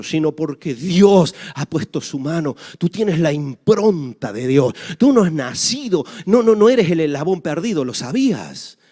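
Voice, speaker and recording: A man preaching a sermon in an emphatic style, moving from loud exclamations to quiet asides. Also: on the high side. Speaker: pastor. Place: church livestream.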